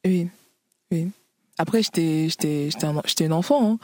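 Invitée autrice, femme, parole hésitante pleine de « euh », son sec et proche. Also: female voice, low-pitched, moderate pace, mellow, no echo. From Paris region, France. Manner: hesitant, many fillers, frequent laughs. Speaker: author guest. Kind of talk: interview conversation.

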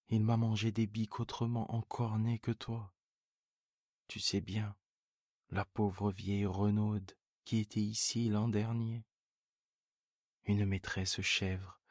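Worried old farmer pleading with his goat, man reading it, low slow breathy voice in a bedtime story. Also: level tone, no echo, clean studio sound. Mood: pleading, alarmed. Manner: pleading, exclaiming.

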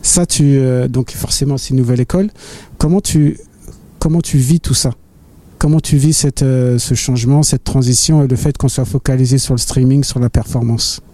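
A man hosting an interview, asking long questions in a halting way, searching for words and repeating himself. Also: mid-range voice, fairly even intonation, dark tone. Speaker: interviewer, host.

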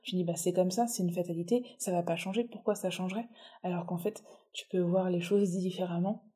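A husky woman with a warm, mellow voice. She hosts an interview podcast and talks thoughtfully and reassuringly. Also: fairly low pitch, fairly even intonation, fairly quick. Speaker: podcast host. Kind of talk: reflective interview conversation.

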